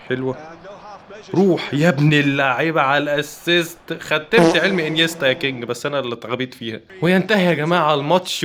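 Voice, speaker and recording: A man with an Egyptian Arabic accent giving excitable commentary while playing a football video game, chanting player names in quick bursts. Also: a little high. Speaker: gaming YouTuber. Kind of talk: live gameplay commentary.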